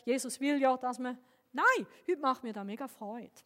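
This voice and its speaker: A woman pastor with a Swiss German accent delivers a sermon, weaving in personal stories. Her voice sits a little high and she speaks earnestly, with lively lifts of emphasis. Her words carry a long reverb from a church hall. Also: normal speed.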